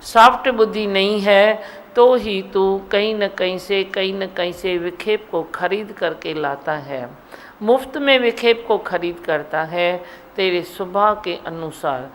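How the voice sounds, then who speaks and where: Slow-speaking woman giving a devotional discourse. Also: medium pitch, slight background noise, low-quality recording. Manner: exhorting, repetitive, quotes devotional verses. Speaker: spiritual teacher. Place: satsang hall.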